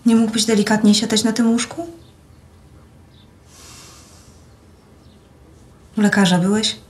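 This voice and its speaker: An actress playing a sharp, scornful, nagging woman in a film drama. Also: medium pitch, steady tone, fast, close to an everyday voice. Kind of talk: naturalistic film acting. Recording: echoey room, faint noise.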